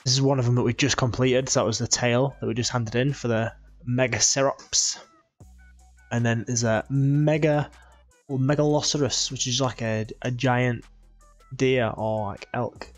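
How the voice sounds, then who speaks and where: A man's voice: mid-range voice, fairly even intonation, normal speed, soft background music. A man hosting a gaming video with casual, playful gameplay commentary, chatty and jokey. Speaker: gaming channel host.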